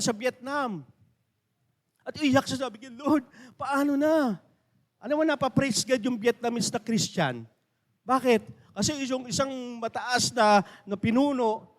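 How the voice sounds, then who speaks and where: Man, pastor, very high voice, conversational sermon, rhetorical questions, long church-hall reverb. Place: church sanctuary.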